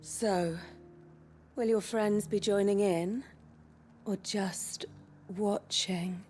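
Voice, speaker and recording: A woman's voice: medium pitch, fairly even intonation, a little mellow, soft background music. An actress playing a flirtatious, teasing woman who carries messages, in a video game, with a coy manner. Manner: slow and coy, with frequent laughs. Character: flirtatious, teasing female tavern messenger.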